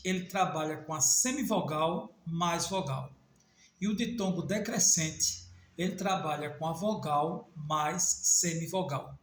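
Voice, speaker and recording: High-voiced Northeastern Brazilian male teacher. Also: roomy sound, a little hiss or hum. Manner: explanatory, spells out letters slowly with small self-corrections. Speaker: Portuguese teacher. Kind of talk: video lesson.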